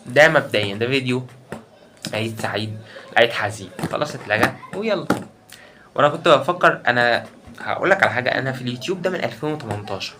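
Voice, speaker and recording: A man's voice: medium pitch, lively intonation, quick pace, background noise. A young man with an Egyptian Arabic accent, talking straight to his viewers in an emotional, repetitive vlog rant. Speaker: YouTuber. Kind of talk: ranting vlog monologue.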